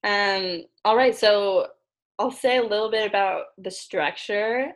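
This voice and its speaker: A young woman hosting a casual podcast, chatty and giggly, with a gravelly vocal fry. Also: medium pitch, measured pace. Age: young adult. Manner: giggly, chatty with many fillers. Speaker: podcast host.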